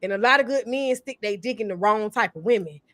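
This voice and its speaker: A woman in her thirties, a podcast panelist, chats casually in a blunt, emphatic way and swears a lot. Her mid-range voice is fairly bright and a little fast, with no echo.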